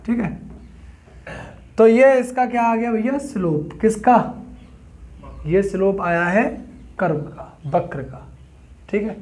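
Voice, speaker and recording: Male math tutor, fairly high voice, step-by-step classroom explaining. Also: slow, pauses often, a little mellow. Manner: explains step by step, asks students questions. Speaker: math teacher.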